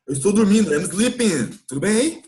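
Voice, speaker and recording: A Brazilian man with a notably high-pitched voice leads a live English lesson. He explains patiently and drags out words slowly so that listeners can copy the pronunciation. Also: animated, a little mellow. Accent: Brazilian Portuguese. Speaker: English teacher. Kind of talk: live online class recap.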